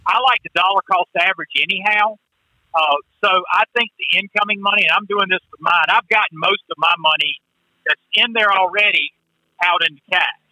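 A man calling in to a radio show over buzzy, glitchy phone audio that cuts out, talking in halting stops and restarts. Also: high-pitched, pushed and bright, no room sound, low-quality recording. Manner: halting, restarts and trails through filler words. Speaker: caller. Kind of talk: call-in radio chat.

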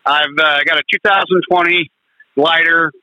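A man calling in on a crackly phone line that cuts in and out, talking in a hesitant, halting way with many fillers. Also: fairly high pitch, steady tone, bright, forceful tone, no echo. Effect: crackly phone line cutting in and out. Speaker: caller. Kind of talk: call-in radio question.

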